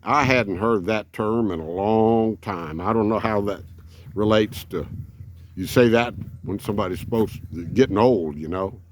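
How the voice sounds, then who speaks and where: With a lowish voice at normal speed, a man in his 70s who vlogs about RV life tells rambling, folksy stories loaded with fillers. A slight hiss or hum runs under the recording.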